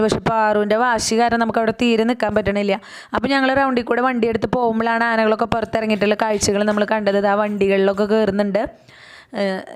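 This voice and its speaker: A woman's voice: on the high side, clean tone. A woman, chatting through a casual voice-over of a family outing with frequent asides to the viewer. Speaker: vlogger.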